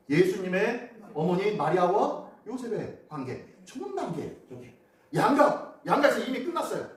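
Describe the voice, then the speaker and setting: Male pastor, sermon, animated questioning delivery, booming church echo, mic at a distance. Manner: animated, asks the congregation questions. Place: church sanctuary.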